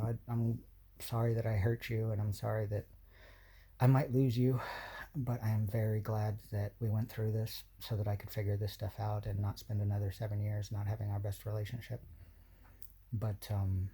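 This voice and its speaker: An emotional man near tears, talking to a partner in a rambling, halting way with nervous laughs and many restarts. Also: lowish voice, level tone, mellow, slightly rough. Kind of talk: personal video message to a partner.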